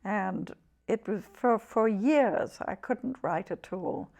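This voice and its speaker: A woman in her eighties from England, a poet talking haltingly about her life and reading her own poems in an interview. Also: mid-range voice, a little mellow. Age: 80s. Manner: halting, restarts often, vivid when reading. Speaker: poet guest.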